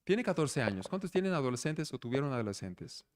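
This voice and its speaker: A man's voice: medium pitch, fairly quick. A middle-aged man preaching a conversational sermon to a congregation, telling stories and asking the room questions. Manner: animated storyteller, asks the congregation questions. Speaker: pastor. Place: church service.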